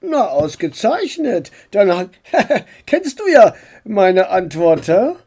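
A woman voicing a kind but secretive uncle who dodges questions and teases gently in a storybook reading. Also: mid-range voice, big pitch swings, takes it slowly, breathy edge, exaggerated voice. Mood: teasing calm. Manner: evasive, gently teasing.

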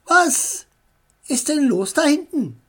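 A woman's voice: on the high side, big pitch swings, slow pace, a little mellow, slightly rough, pitched above the performer's own voice, exaggerated voice. Woman doing a fussing storybook mom. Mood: concerned. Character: mother, fussing and soothing.

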